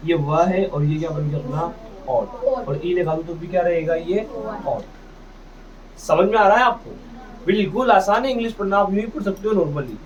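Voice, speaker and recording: A man teaching English reading in a classroom, sounding out words and quizzing his students with his own questions. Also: fairly high pitch. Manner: drills pronunciation, asks and answers his own questions. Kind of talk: classroom phonics lesson. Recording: distant dull mic with faint noise.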